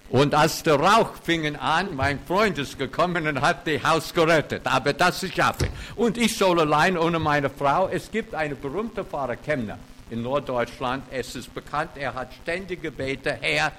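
A man in his seventies, a retired pastor, preaching a sermon in with grammar slips, with animated loud emphatic peaks and wry self-mocking humor. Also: a little high, moderate pace, few pauses, a little hiss or hum, poor audio. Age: 70s. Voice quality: non-native German with grammar slips.

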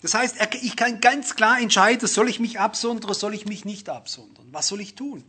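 A man preaches, speaking earnestly and turning to his listeners with questions. His voice sits high and sounds a little husky. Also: normal speed, pushed and bright. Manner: earnest, addresses listeners directly with rhetorical questions. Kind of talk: sermon.

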